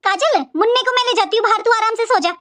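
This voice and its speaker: A woman voicing a caring, worried middle-aged mother in a cartoon, gentle and fretful. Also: very high-pitched, fast talker, no room sound.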